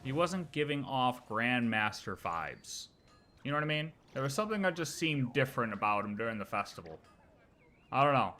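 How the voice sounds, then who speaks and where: A man with a medium-pitched voice that sounds pushed and bright reacts to game lore on a livestream. His casual chat is slangy and rambling, and he repeats phrases for emphasis as he speculates about the story.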